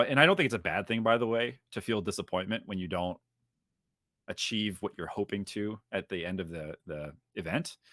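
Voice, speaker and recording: A young man hosting a casual esports podcast, talking fast and joking around. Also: lowish voice, no room sound, clean studio sound. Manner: energetic, jokey, fast-talking. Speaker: podcast host.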